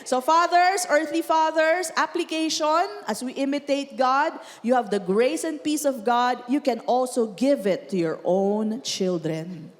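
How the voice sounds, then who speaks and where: A woman preacher with a Filipino accent delivers a chatty, animated sermon, laughing easily and checking in with her congregation. Her voice sits a little high for a woman. The sound carries a long reverb from a large hall. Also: unhurried, hardly any pauses. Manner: animated, chatty, laughs often, asks Amen. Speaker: pastor. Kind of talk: sermon mixing Tagalog and English.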